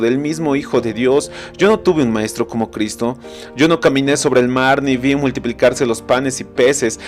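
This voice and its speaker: A male pastor delivers a devotional message, retelling a scripture story with dramatic pauses and deliberate slow stretches. His voice sits at an ordinary middle pitch and stays earnest as he speaks straight to the listener. A faint bed of instrumental music plays underneath. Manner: dramatic storytelling, slowing down for emphasis; addresses the listener directly and earnestly. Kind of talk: recorded devotional sermon. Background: soft instrumental music.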